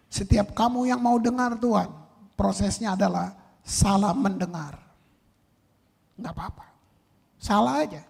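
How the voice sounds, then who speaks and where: Guy preaching, husky voice, loud then soft, echoey big hall. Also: sits high. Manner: animated, rhetorical questions, swings loud and soft. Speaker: pastor. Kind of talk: sermon. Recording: long reverb in a large hall.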